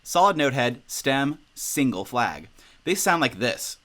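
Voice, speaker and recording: A man's voice: takes it slowly, slight background noise. Young guy doing an upbeat music tutorial, voice bouncing up and down a lot. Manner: upbeat, instructional, lively pitch. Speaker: music teacher.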